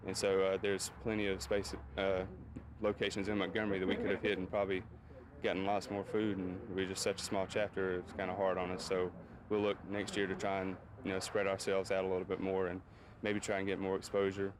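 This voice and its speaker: A man's voice: sits low, completely flat delivery, fairly quick. A man giving a casual, unscripted answer in an interview. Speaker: local group member being interviewed. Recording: noisy outdoor interview, traffic ambience.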